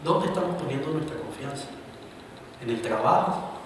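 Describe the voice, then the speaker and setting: A man preaching a sermon as pastor, swinging between loud emphatic bursts and quiet asides. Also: on the high side, animated, moderate pace, background noise. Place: church hall. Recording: roomy, reverberant church recording from a distance.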